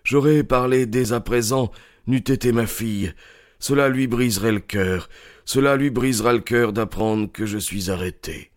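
A man's voice: mid-range voice, moderate pace, no echo, clean studio sound, natural voice. An actor playing a remorseful old man who is dying, speaking in a heavy, weary, pleading way.

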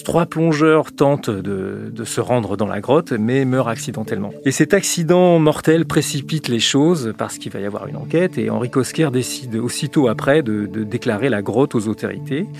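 A science journalist explaining a story on a podcast, a man who talks in a measured way with frequent hesitations. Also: mid-range voice, lively intonation, creaky, a little mellow.

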